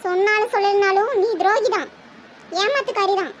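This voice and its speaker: A woman voicing a fiery young village mother with a Tirunelveli Tamil accent, quick to quarrel and scold, in a cartoon. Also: very high-pitched, dull audio. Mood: angry. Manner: combative, scolding. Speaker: daughter-in-law. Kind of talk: cartoon voice acting.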